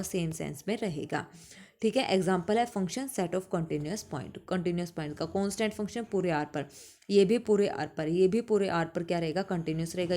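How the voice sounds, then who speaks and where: A woman giving an exam-prep math lecture. She explains step by step, asks questions and answers them herself, and reads English definitions slowly before restating them in Hindi. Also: mid-range voice, a little mellow. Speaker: math teacher.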